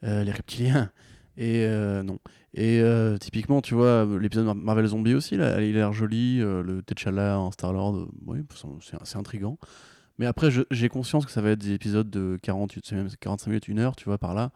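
A man's voice: lowish voice, fairly even intonation, a little fast, dark tone, clean tone, no room sound, clean studio sound. A man co-hosting a podcast, laid-back and joking, often hesitant with fillers. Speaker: podcast co-host. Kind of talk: casual chat.

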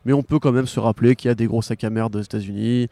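A man's voice: medium pitch, fairly even intonation, fast, warm tone, no echo. A man from France, co-hosting a podcast in casual chat, blunt and swearing freely. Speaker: podcast co-host.

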